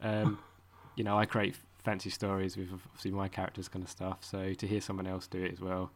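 Low-voiced Essex man hosting a podcast. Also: completely flat delivery, a little fast. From Essex, England. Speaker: podcast host, interviewer. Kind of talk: casual podcast interview chat.

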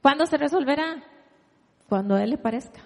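A woman's voice: high voice, lively intonation, a little fast, darkish tone, big-room sound, muffled recording. A woman preacher giving a sermon, reading scripture aloud and posing rhetorical questions to her listeners. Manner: asks rhetorical questions and invites the audience to read along.

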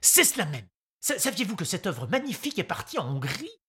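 A woman voicing a loud bawdy bearded sculptor. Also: fairly low pitch, big pitch swings, a little fast, breathy edge, exaggerated voice. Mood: indignant. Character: boisterous crude bearded male sculptor. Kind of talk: audiobook character reading.

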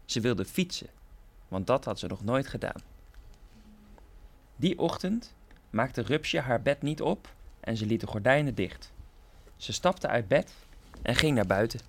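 A man from a theatre group calmly reading a children's story aloud with gentle expression. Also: medium pitch, measured pace, a little hiss or hum.

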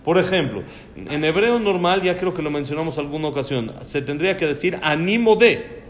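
A man's voice: a little high, lively intonation, brisk, slight background noise. A man teaching a religious lesson on prayer, posing questions and answering them himself. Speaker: Torah teacher.

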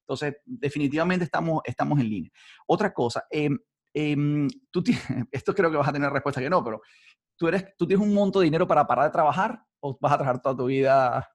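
A man from Venezuela hosting a conversational interview, animated and repeating words as he starts sentences. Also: on the high side, fairly quick.

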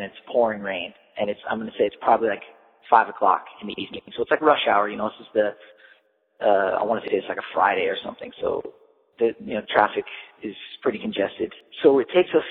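A man's voice: fairly low pitch, in a large hall. Casual male storyteller, loose and rambling, heard through a tinny phone-like line. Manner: rambling, full of "like" and "you know". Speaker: storyteller recounting a trip.

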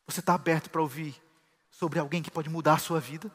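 Male pastor, high voice, sermon in a reverberant hall. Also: fairly even intonation, fairly quick, a little hiss or hum. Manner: preaching with rising shouts of praise.

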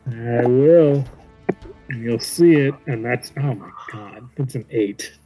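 An easygoing man playing a tabletop game, polite as he describes his attack. His pitch sits in the middle, with faint music in the background. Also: slow, mellow, poor audio. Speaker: player.

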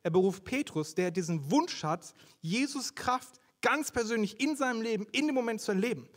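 A man's voice: very high-pitched, moderate pace. A young man preaching a conversational sermon, asking his listeners questions as he goes. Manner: lively, conversational, asks the audience questions.

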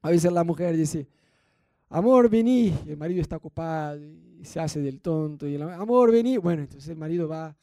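High-voiced Rioplatense man giving marriage talk. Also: little pitch movement, brisk, hardly any pauses, mellow, no echo, clean studio sound. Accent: Rioplatense Spanish. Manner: acts out quoted spouses, rhetorical asides. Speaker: marriage speaker.

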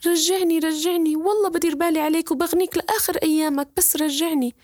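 A desperate talking fish from a folk tale pleads and repeats herself, her voice pitched far above normal speech, as a woman puts her on. She sounds small, urgent and insistent. The delivery stays dry and close. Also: fairly even intonation, fast, darkish tone, dry recording. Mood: coaxing. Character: pleading magical talking fish, mother of many.

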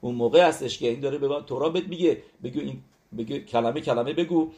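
A man's voice: mid-range voice, darkish tone. A man giving a religious lesson, speaking emphatically, repeating key words and checking in with his listeners. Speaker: religious teacher. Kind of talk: religious lesson on letter numerology.

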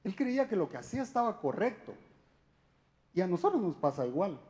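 A man's voice: high voice, big pitch swings, brisk, a little mellow. A man giving a conversational sermon talk, speaking directly to his listeners with frequent rhetorical questions. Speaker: church speaker.

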